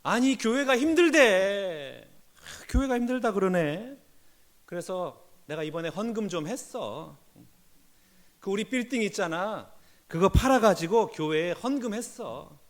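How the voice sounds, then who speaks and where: A man's voice: high-pitched, animated, a little slow, voice pushed up. A man acting out a woman who brags about her generous gift to the church, in a showy self-praising way. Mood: boastful.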